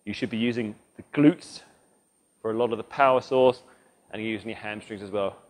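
A man's voice: on the low side, brisk. Male coach demonstrating a workout. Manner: instructive, demonstrates moves while talking. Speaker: fitness coach. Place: large gym indoors. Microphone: lapel mic.

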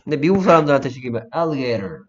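A man tutoring English pronunciation one-on-one, saying sounds slowly and then faster, and asking the student to repeat them. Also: on the high side, lively intonation, slight background noise. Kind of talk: one-on-one phonics lesson. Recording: dull, lo-fi sound.

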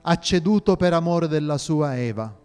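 A stern knight adviser, as a man voices him, terse and deep below the reader's usual voice, dark in tone. Hall reverb and faint music sit behind him. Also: expressive, moderate pace, clean tone, lightly acted.

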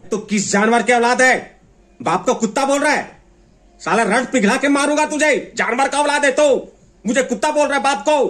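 A man with a Bundeli accent playing a hot-tempered village father who shouts and scolds his son in a comedy sketch. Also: very high voice, normal speed. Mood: scolding.

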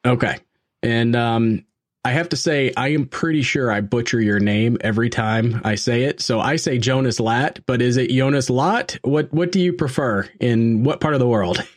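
A man hosting a podcast and interviewing a guest in a casual way. He talks with many fillers and quick asides. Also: mid-range voice, no echo, studio quality.

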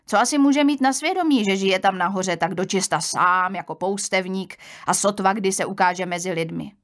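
A woman's voice: mid-range voice, close to an everyday voice. A woman reading an audiobook, voicing a curious, gossiping young village woman who pries and exclaims. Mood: nosy, astonished. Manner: prying, exclaiming. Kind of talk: audiobook character voice.

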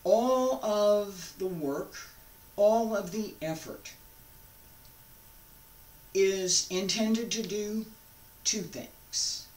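A woman in her sixties, founder of a radio drama show, gives an informal invitation to camera in a darkish, medium-pitched voice. She speaks deliberately in short phrases with pauses, indoors in a carpeted room at home, caught on a distant microphone in an echoey space.

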